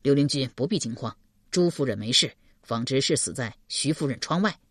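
A woman voicing a calm, reserved male official speaking in measured tones. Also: a bass voice, husky, no room sound, clean studio sound, pitched below the performer's own voice, full character voice.

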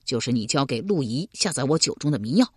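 A woman's voice: extremely low pitch, expressive, fast talker, slightly rough, no echo, clean studio sound, pitched below the performer's own voice, exaggerated voice. A woman voicing a naive, bookish male scholar who accuses earnestly in an audiobook. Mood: pressing.

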